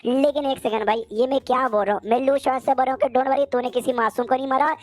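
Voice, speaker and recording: A woman's voice: sits high, steady tone, quick pace, dry recording. A woman narrating an anime recap in a casual, chatty way full of slangy asides.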